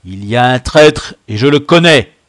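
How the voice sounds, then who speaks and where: In a storybook reading, a man plays a boy gang leader who roars and thunders his accusations in a raised, lively voice, pitched well above a plain telling. The recording is close and dry. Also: normal speed, no echo, natural voice. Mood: furious. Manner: roaring, accusing.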